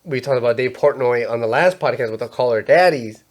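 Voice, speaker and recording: A man's voice: medium pitch, brisk. A young man hosting a casual podcast chat. He rambles through stories, swears often and acts out what people said. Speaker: podcast host.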